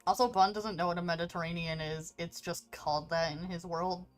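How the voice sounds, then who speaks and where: A woman's voice: lowish voice, steady tone, fairly quick. A woman playing a tabletop game, bantering casually and bluntly as she describes and acts out her character. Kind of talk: casual banter and role-play. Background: background music.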